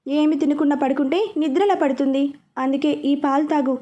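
Young woman, sulky, stubborn, pouting, storybook romance, voiced by a woman reader, high-pitched. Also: steady tone, moderate pace, mellow, dull audio, natural voice.

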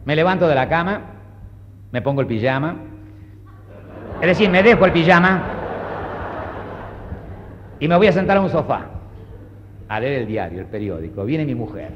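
A man performing a stand-up comedy monologue in a dry, understated deadpan manner. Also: fairly high pitch, normal speed, long pauses, highs cut off. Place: stage before a live audience. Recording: live show with audience and faint noise.

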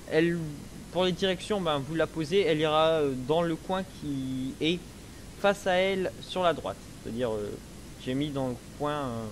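A young man in a casual let's play, explaining his game setup slowly with many hesitations, speaking into a headset. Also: medium pitch, a little hiss or hum. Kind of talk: casual gameplay commentary.

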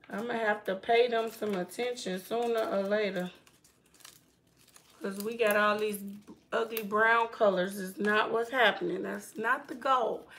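Woman host, casual live chat from home, unhurried delivery, talks to viewers and her plants, hushed asides now and then. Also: mid-range voice, creaky, a little hiss or hum. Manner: slow, chatty, talks to her plants and to viewers reading comments. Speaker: vlogger hosting a live stream.

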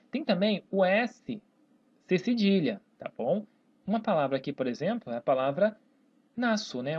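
Lively, husky Brazilian teacher, lo-fi. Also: medium pitch. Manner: stretches words out slowly syllable by syllable, tags lines with "né?" and "tá, pessoal?". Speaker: Portuguese teacher. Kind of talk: whiteboard grammar lesson. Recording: dull lo-fi recording.

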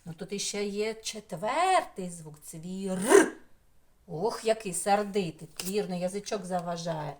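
A woman's voice: medium pitch, expressive. Sing-song woman teaching small children. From Ukraine. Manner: slow, sing-song teacher talk, drawing out sounds. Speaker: preschool teacher. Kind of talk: remote lesson for young children.

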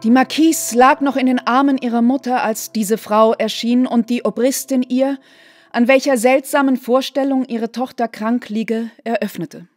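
A woman actress giving a measured, dramatic reading of a classic novella with formal diction. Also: a little high, steady tone, dry recording, soft background music.

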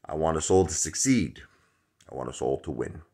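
A man, chatting rambly to his phone camera in a dark room at home. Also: very deep voice, lively intonation, normal speed, husky. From Brooklyn, New York. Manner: rambling, chatty, many fillers. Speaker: stock vlogger. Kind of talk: casual chat to camera. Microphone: phone at arm's length.

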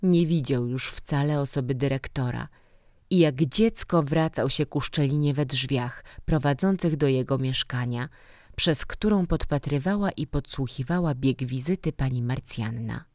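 A woman narrating a book aloud in a measured, even storytelling manner. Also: extremely low pitch, no room sound, clean studio sound. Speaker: audiobook narrator. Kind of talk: scripted audiobook narration.

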